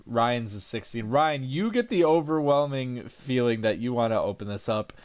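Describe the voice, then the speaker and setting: A young man runs a tabletop game as game master, chuckling between lines. He talks in halting bits and restarts his sentences, loose and easygoing as he sets out what the players see. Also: medium pitch, expressive, darkish tone. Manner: laughing, halting, many restarts.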